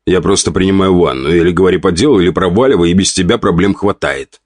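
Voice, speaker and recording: A man's voice: sits low, fast, no room sound, studio quality. A man voicing a crude, irritable count of 48, growling and contemptuous.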